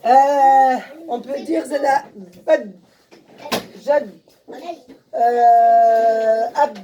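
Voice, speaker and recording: Slow, patient woman teaching a language class. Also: on the high side, fairly even intonation, dark tone, lo-fi sound. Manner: patient, checks understanding, many hesitations. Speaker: Arabic teacher. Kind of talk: language lesson, syllable drill.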